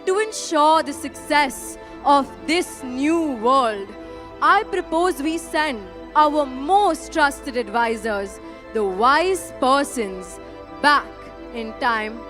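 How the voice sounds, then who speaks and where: A woman's voice: high-pitched, animated, slow pace, a bit bright, faint music behind, full character voice. A woman playing a visionary female chancellor, addressing a council in a formal, speech-like way in a school stage play. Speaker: student stage performer.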